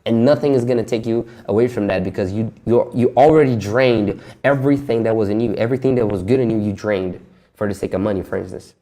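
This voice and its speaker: This clip has a young man, in his 20s, venting at a quick pace in a fairly low, dark voice. The monologue is personal and blunt, thick with swearing and punctuated by nervous laughter.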